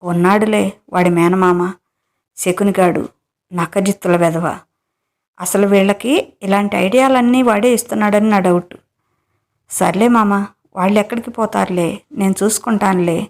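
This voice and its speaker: A cocky young man with a breezy, dismissive way of talking, as a woman reads him in a romance audio story. His voice sits in a middle pitch and carries confident, teasing lines. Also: steady tone, normal speed, long pauses, lightly acted.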